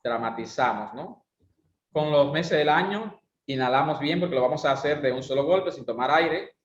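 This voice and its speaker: A man's voice: fairly high pitch, normal speed, slight background noise. A man teaching a speaking and voice class, explaining exercises and often asking rhetorical questions. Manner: didactic, asks rhetorical questions. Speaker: voice and speaking instructor. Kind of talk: online class lecture with exercises. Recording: roomy, dull lo-fi sound.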